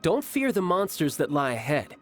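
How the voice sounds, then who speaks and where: An actor playing a calm, proud young warrior who loves battle, in a video game, with music behind. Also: male voice, a little high, moderate pace. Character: bold battle-loving young male warrior.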